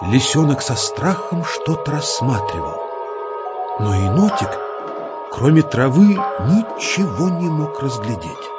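A man telling a children's story as an expressive narrator reading from a script. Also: medium pitch, takes it slowly, muffled recording. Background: music.

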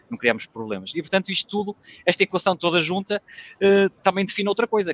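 A man's voice: fairly high pitch, fairly bright tone. A man with a European Portuguese accent, giving a casual football analysis as a guest commentator, laying out his points in order.

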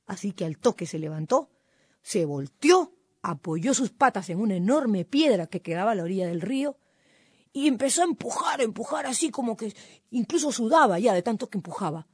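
A woman narrating a folk tale in an expressive, dramatic storytelling manner. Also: mid-range voice, a little fast, husky, dry recording, clean studio sound.

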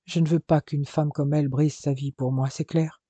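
A man's voice: fairly high pitch, flat delivery, moderate pace, warm tone, no room sound, close to an everyday voice. A man voicing a young man crippled after an accident, grave and bitter, in an audiobook.

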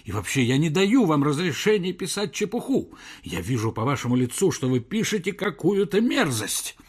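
A man voicing an irascible elderly male professor in a spoken storybook, shouting and indignant. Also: medium pitch, very animated, normal speed, husky.

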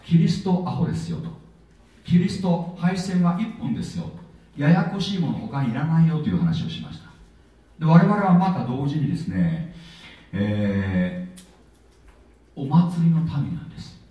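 A man preaching a sermon in a chatty, lively way, with plenty of filler words. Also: a little high, unhurried, muffled recording. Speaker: pastor. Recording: echoey hall, voice from far off.

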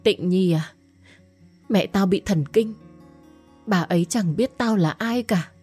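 A woman voicing a young woman who is sad and downtrodden, speaking softly through tears. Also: medium pitch, slow pace, breathy edge, faint music behind. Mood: tearful.

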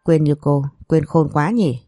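A woman's voice: low-pitched, unhurried, dark tone, no room sound, clean studio sound, soft background music. A woman voicing a cold, arrogant young man who speaks curtly and dismissively. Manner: curt, dismissive.

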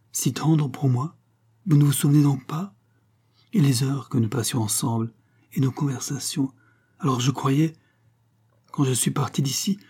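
A man's voice: mid-range voice, mellow, husky, close to an everyday voice. A man voicing a wounded young soldier who pleads with rising emotion.

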